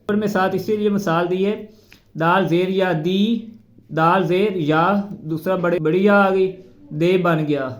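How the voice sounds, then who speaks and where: A man teaching a Quran reading lesson, spelling out letters and vowel marks slowly before reciting the words. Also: high voice, fairly even intonation, echoey room.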